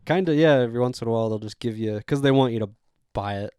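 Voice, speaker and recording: A man's voice: medium pitch, fast talker, warm tone, clear, resonant tone, no room sound, clean studio sound. A man co-hosting a casual podcast, talking in a laid-back, matter-of-fact way. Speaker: podcast co-host.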